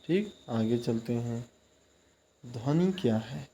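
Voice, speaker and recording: Slow, mellow-voiced male teacher. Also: medium pitch, lively intonation. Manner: explains step by step, checks in with "ठीक?" often. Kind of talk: exam-prep lecture.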